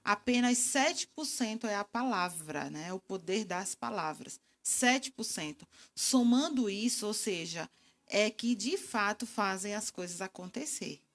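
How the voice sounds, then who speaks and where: A middle-aged woman answering interview questions in a calm, reflective, explanatory way. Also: medium pitch, a little slow. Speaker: guest communication expert.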